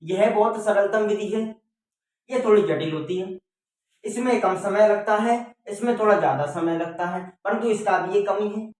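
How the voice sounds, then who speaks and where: A man's voice: high-pitched, normal speed, a little mellow. A man teaching a biology lesson, repeating points and checking in with "theek hai?" and calling students "beta". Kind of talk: classroom-style lecture. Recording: very echoey room, mic far off.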